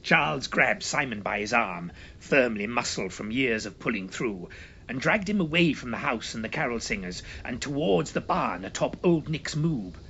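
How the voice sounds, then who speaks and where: A man performs a scripted comic horror story in a pompous, theatrical, mock-serious manner, dramatically narrating. His mid-range voice is animated and sharp at normal speed, and the lo-fi recording has a little hiss or hum.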